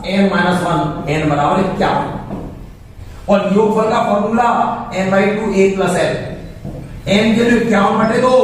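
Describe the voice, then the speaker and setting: A man's voice: high voice, distant mic, slight background noise. A man teaching math, working through exam problems step by step and repeating each number aloud as he calculates. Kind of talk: classroom lesson explaining exam problems. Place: coaching classroom. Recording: echoey room, voice off-mic, faint ambience.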